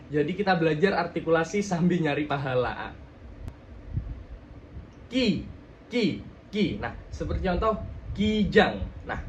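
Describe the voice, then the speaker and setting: A young man talks through letter sounds one by one in a relaxed tutorial, drawing out each example word and slipping in teasing jokes. His voice sits a little high for a man. A faint hiss of room noise runs underneath. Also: lo-fi sound. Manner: drawn-out demonstration sounds, joking asides. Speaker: student demonstrating articulation. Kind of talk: casual tutorial.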